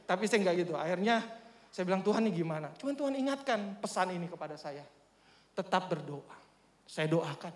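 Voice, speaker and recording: High-voiced preacher with a lilt. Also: male voice, moderate pace. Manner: animated, humorous, addresses congregation often. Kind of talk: storytelling sermon. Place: church hall. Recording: echoey church hall.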